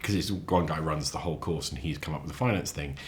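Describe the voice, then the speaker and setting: Deep-voiced man, halting animated chat. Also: slight background noise. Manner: animated storyteller, acts out quotes with sudden high voices; halting restarts, repeats words. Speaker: podcast guest; lecturer. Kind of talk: casual chat.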